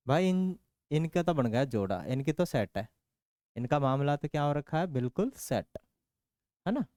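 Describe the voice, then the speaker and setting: In a dry, clean studio recording, a man with a fairly high, expressive voice and a dark tone speaks at a normal pace. He teaches maths casually and playfully, counting out each working step aloud as he goes through sums, tossing in jokey stories and constantly checking in with questions.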